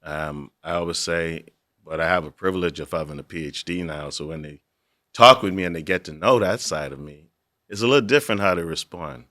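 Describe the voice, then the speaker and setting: A man's voice: sits low, fairly quick, sharp tone, no room sound, studio quality. A man from the Bahamas telling his story as an interview guest, earnest and reflective.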